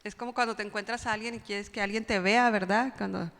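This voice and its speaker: A woman's voice: medium pitch, fairly even intonation, quick pace, a bit bright. A woman preaching a sermon in church, with dramatic cries when she quotes pleas and many rhetorical questions. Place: church sanctuary. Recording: long hall reverb.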